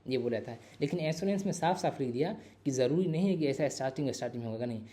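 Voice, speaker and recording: Male tutor with a mellow, mid-pitched voice, repeats key points and sounds words out slowly for exam prep. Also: lively intonation. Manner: explains in Hindi mixed with English terms, repeats key phrases, sounds out words slowly. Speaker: teacher. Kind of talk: exam-prep literature lecture.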